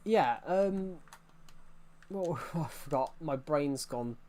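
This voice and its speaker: A man's voice: a little high, lively intonation, takes it slowly, warm tone. Rambling young man streaming a game. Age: early 20s. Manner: rambling, chatty, reacting to chat messages. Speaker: livestreamer. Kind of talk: casual livestream chat while gaming.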